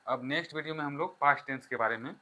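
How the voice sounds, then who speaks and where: A man teaching a grammar lesson, explaining slowly step by step and dictating example sentences. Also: a little high, bright, forceful tone, low-quality recording.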